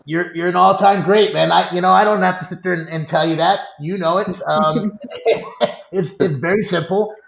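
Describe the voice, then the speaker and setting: A man's voice: sits high, fairly even intonation, normal speed, creaky, fairly bright tone. A man hosting a show with casual sports talk, recorded in a room. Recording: echoey room sound.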